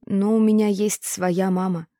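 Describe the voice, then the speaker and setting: A woman's voice: medium pitch, little pitch movement, a little slow, dark tone, close to an everyday voice. A woman voicing a stubborn, hurt young boy who talks earnestly and defensively in an audiobook. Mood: pleading.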